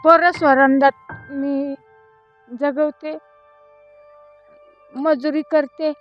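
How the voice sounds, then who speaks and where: Slow, distressed woman, high voice. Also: flat delivery, dull audio, soft background music. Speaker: farm laborer interviewed.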